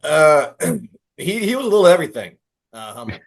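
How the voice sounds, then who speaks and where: A middle-aged man telling stories in casual podcast chat, animated and brash, with salty talk. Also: on the high side, moderate pace, creaky, husky. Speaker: podcast co-host.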